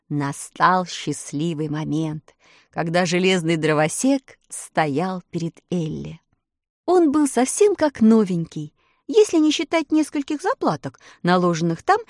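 A woman reads a children's fairy tale aloud, her voice rising and falling through a wide, singsong span. She slows down to lean on key moments. The recording is close and dry, with no room sound. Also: on the low side, dry recording. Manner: expressive, lilting storytelling with slowed emphasis. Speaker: narrator. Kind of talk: storybook reading.

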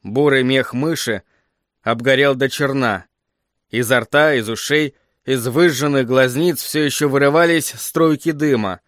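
A man narrating a story in a measured, even reading voice. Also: mid-range voice, no room sound, clean studio sound. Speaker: audiobook narrator. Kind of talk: scripted narration.

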